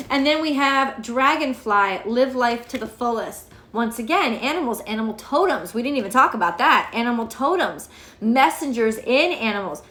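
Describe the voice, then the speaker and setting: A woman's voice: a little high, a bit bright, reverberant. A woman giving a casual, rambling tarot reading to camera, emotional and chatty, swearing freely. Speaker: tarot reader.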